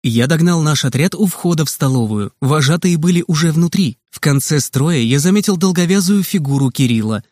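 A man narrating a children's audiobook in a lively, expressive way, recorded close in a dry room. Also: fairly high pitch, a little fast, few pauses, no room sound.

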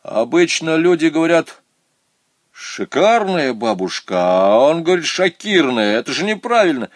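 A man voicing an excitable, boastful male clown pupil who talks in eager shouts. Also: a little high, a little fast, no room sound, clean studio sound, voice pushed up. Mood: puzzled.

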